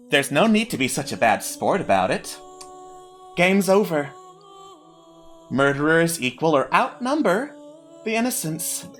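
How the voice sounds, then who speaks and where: Man as a bored game villainess, smug, taunting, theatrically polite, swooping pitch, bright tone, music behind. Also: full character voice. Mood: smug, amused. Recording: background music under the voice.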